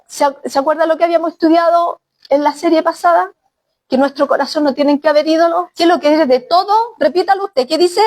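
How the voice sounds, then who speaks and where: A woman's voice: very high-pitched, fairly quick, darkish tone. A woman pastor preaching a sermon, often exclaiming and speaking straight to the congregation as brother and sister. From Chile.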